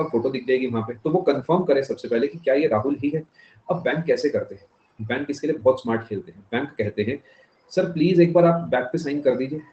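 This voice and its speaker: In a dull, echoey classroom recording, an economics teacher with a mellow, medium-pitched voice lectures step by step. He slips into English phrases now and then and asks whether students are following.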